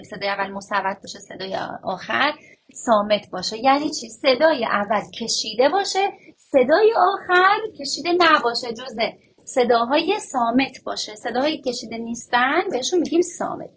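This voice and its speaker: A woman's voice: on the high side, fairly bright tone, a little hiss or hum. A young woman teaching early reading sounds to other teachers, stretching sounds out in a sing-song way for children. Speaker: preschool teacher. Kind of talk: phonics lesson for teachers.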